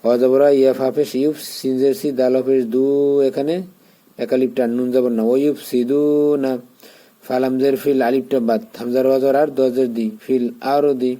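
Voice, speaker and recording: This Quran reading teacher has a mellow, mid-range voice and a flat delivery. He spells out the Arabic letter by letter, patiently explains how to join the sounds, and slips into slow, drawn-out chanting when linking words.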